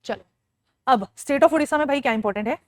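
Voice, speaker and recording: Her voice sits high and brisk, with no echo, as this woman teacher drills students in an online exam-prep class. She fires questions, answers them herself, sing-songs through lists, and sprinkles in English phrases.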